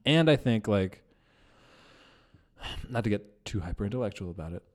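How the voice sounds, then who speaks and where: A man's voice: lowish voice, lively intonation, moderate pace, darkish tone. A man born in the Philippines co-hosting a podcast, chatting casually and laughing often with many fillers. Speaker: podcast co-host. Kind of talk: casual chat.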